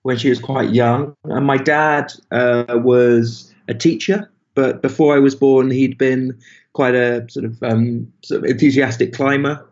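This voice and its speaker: A man, an author speaking as a podcast guest, in a measured, hesitant way with fillers. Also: mid-range voice, fairly even intonation, darkish tone, lo-fi sound. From Wales. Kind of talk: podcast interview.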